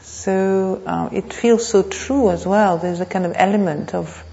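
In a reverberant hall, slightly dulled on the recording, a woman gives a meditation talk. Her voice is mellow and gravelly. She speaks reflectively, pausing and circling back over phrases. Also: mid-range voice, dull audio. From Thailand. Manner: reflective, halting, with pauses and repeated phrases. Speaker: meditation teacher. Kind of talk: unscripted dharma talk.

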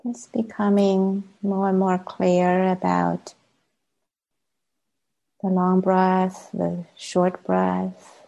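Speaking with vocal fry in a lowish, completely flat voice, a woman whose first language is Chinese leads a guided meditation. She's gentle and takes long, unhurried pauses, and the sound is lo-fi.

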